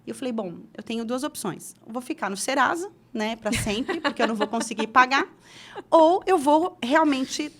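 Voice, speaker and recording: This interview guest, a middle-aged Brazilian woman, has a high, somewhat bright voice with lively intonation and a moderate pace. She talks through her career story conversationally, with many restarts and filler words.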